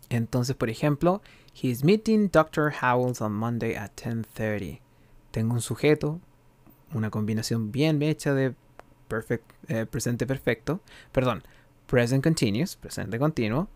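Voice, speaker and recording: A man giving a recorded English grammar lesson, explaining in Spanish and reading English examples slowly and carefully. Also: fairly high pitch, dry recording. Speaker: English teacher.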